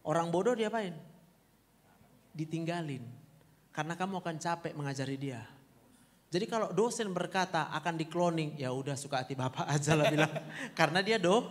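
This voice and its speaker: A man's voice: on the high side, moderate pace, long reverb tail. A man who is a doctor, answering audience questions in a blunt, teasing manner, with a Medan Indonesian accent. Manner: blunt, teasing, laughing often. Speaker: doctor giving a talk. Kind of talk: Q&A talk.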